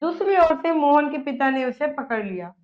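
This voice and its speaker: A woman teacher with a high voice reads a textbook story aloud. She pauses to restate each line in plain words for her pupils. The sound is dull and lo-fi. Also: expressive. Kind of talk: reading and explaining a textbook story.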